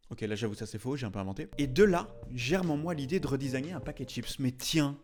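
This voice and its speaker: A man's voice: mid-range voice, animated, a little fast, a little mellow. A man narrating a casual design vlog with playful, jokey asides. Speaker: YouTube designer.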